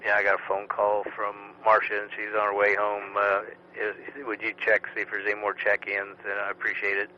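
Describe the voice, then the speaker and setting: A man running an amateur radio net as net control, steady and routine, heard through a radio transmission. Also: on the low side, brisk, hardly any pauses. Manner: steady, routine call-and-response. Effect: amateur radio transmission with static. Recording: muffled radio signal with faint static.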